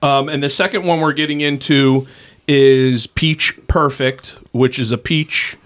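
Slow-explaining man, mid-pitched. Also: steady tone, a bit bright. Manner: slow, deliberate explaining with ums. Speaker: podcast co-host. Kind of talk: casual tasting chat.

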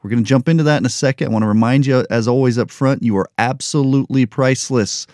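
With a medium-pitched, darkish voice and a quick pace, this podcast host in his forties delivers a motivational monologue on his own. He talks frankly and off the cuff, adding a few jokes. The recording is studio quality, with no room sound.

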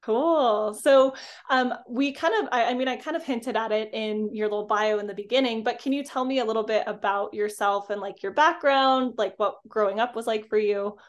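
A woman's voice: a little high, moderate pace. A woman hosting a podcast, affirming her guest and asking casual questions. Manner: affirming, encouraging listener. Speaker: podcast host. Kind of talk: casual interview chat.

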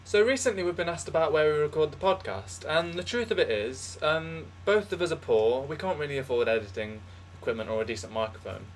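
Deadpan young man co-hosting a podcast. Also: a little high, a little fast, hardly any pauses, a little hiss or hum. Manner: deadpan absurd storytelling, restarts. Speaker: podcast co-host. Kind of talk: casual comedic chat.

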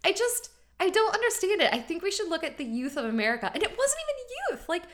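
Bright, opinionated woman co-host. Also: extremely high pitch, big pitch swings, quick pace. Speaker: podcast co-host. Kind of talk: casual chat.

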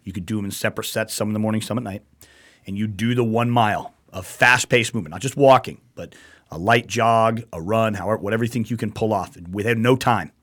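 Low-voiced rambling male talk-show host. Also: quick pace, fairly bright tone. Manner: rambling and repetitive, emphatic, with swearing. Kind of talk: casual talk-show chat.

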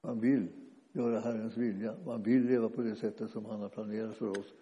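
Man, preacher, informal sermon, very dark voice, halting with restarts, lo-fi reverberant recording. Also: on the low side, steady tone. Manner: conversational, halting with restarts and fillers. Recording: dull lo-fi sound with long reverb.

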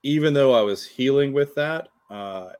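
A man's voice: mid-range voice, normal speed, darkish tone. A man co-hosting a casual gaming chat, easygoing and thinking aloud with some fillers. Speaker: co-host of a tabletop wargame talk show.

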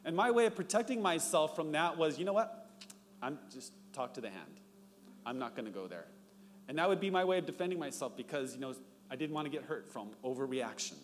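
A man's voice: lively intonation, a little fast. A middle-aged man preaching a sermon, telling stories and acting out the dialogue in them. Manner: storytelling, acts out dialogue with rising pitch. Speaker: pastor. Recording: long reverb, faint background noise.

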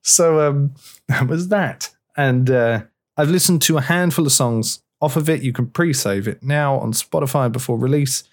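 A man's voice: mid-range voice, normal speed. Chatty male podcast host. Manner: chatty, relaxed, with fillers. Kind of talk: casual chat.

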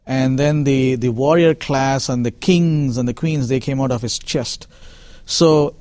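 A man from Chennai with an Indian accent, calmly explaining as an interview guest, with many fillers. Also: medium pitch, measured pace, no room sound. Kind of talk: interview answers.

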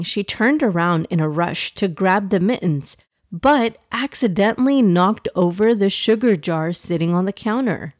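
A woman's voice: medium pitch, no room sound. Woman storyteller, dry close sound. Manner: expressive, addressing young listeners directly. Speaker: host and narrator of a children's story podcast. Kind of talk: fireside storytelling for children.

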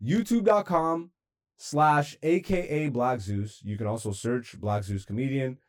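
In a studio with no echo, a young man hosts a comedy podcast at a measured pace, chatting loosely and swearing a lot. His delivery swings between loud hype and low mumbles.

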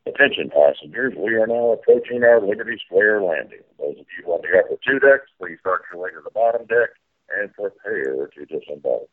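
A man's voice: lowish voice, animated, a little fast, phone-quality sound. A man playing a folksy riverboat captain, making a public-address announcement to passengers in the style of a theme park ride spiel. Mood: formal, instructive.

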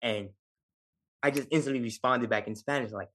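A man with a New York Puerto Rican accent, a Navy veteran telling stories as a podcast guest, lively and laughing often. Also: mid-range voice, moderate pace. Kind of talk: casual storytelling.

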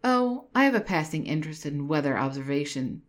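A woman's voice: low-pitched, very animated, a little fast. A woman voicing a curious, playful young woman amateur detective in a read-aloud story. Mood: eager.

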